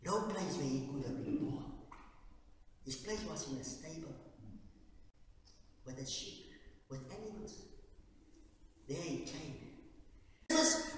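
This is a lay preacher from South Africa at a communion service, with delivery that halts, repeats words and restarts again and again. Fervent loud bursts drop away to quiet low stretches, and the distant recording in a large, echoey church hall carries a faint hiss.

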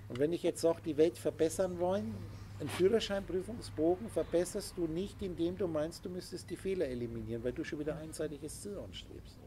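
A man lectures his small group of followers as their spiritual teacher, his voice warm, a little high and a little fast. He is insistent and emphatic, throws in sound effects, and faint noise sits behind him.

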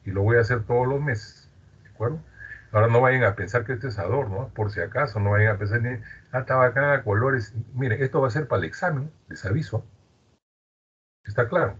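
A man's voice: mid-range voice, fast talker, breathy edge, highs cut off. A man with a Peruvian Spanish accent giving an online lecture, chatty and explanatory, often checking in with students. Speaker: university lecturer.

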